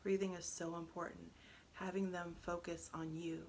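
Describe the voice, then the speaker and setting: Low gravelly mom. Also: female voice, moderate pace, slight background noise. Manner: earnest, animated when retelling, drops to a hush when describing the panic. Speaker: parent sharing advice. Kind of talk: casual talk to camera.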